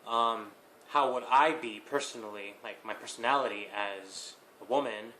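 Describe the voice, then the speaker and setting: A young man answering viewer questions in a casual vlog, hesitant, with many fillers, pauses and small laughs. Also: fairly low pitch, sharp tone, a little hiss or hum.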